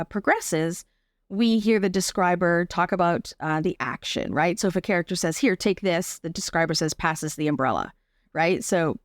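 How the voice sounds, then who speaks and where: This is a Canadian interview guest, an artist who advocates for arts accessibility, chatting about what she does and frequently checking in with the listener. Her voice sits on the lower side, with no room sound and a clean studio finish.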